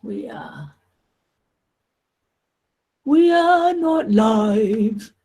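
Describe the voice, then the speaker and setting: A woman's voice: on the high side, expressive, dark tone. A woman in her sixties co-hosting a livestream, her voice breaking up over a bad internet connection as she halts and repeats words. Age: 60s. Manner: halting, repeats words when restarting. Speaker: livestream co-host. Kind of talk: political commentary on a livestream. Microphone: video call. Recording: distant, dropping out on a video call.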